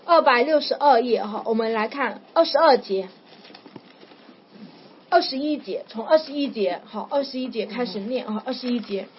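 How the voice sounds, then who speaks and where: High voiced lady preacher telling a story to her group, chatty, muffled lo-fi recording. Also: normal speed. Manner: chatty, animated storytelling with many fillers. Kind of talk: informal sermon with storytelling. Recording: dull lo-fi with faint noise.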